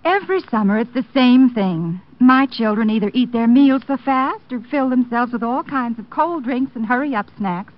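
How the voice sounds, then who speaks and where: A woman's voice: on the high side, lively intonation, moderate pace, few pauses, close to an everyday voice. A woman playing an earnest American housewife and mother in a scripted old radio commercial. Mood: concerned. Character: concerned, eager housewife and mother. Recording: muffled old radio recording.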